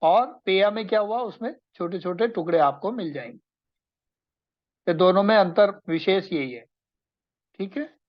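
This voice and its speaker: A man giving a slow classroom lecture, repeating and recapping each point so students can take notes. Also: high voice, lively intonation, lo-fi sound. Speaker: Ayurveda teacher.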